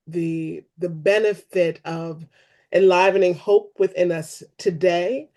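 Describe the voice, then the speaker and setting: A woman hosting a church discussion, speaking unscripted closing remarks in an earnest, appreciative and measured manner. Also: on the low side, steady tone, darkish tone. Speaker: host of a church webinar.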